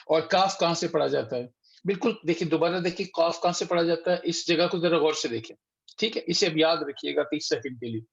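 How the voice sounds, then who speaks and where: A man teaching a Quran recitation class online, patiently sounding out letters slowly and repeating them for students. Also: fairly high pitch, creaky, muffled recording. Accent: Urdu-speaking. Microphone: computer mic on a video call.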